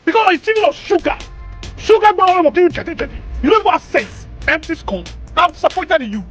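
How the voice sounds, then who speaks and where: A furious Nigerian employee tears into his boss in pidgin. His voice rides very high and leaps around as he shouts insults. Faint film music sits underneath. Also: sing-song, a little fast, heavily acted. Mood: furious scolding. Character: hot-tempered outspoken male employee, middle-aged.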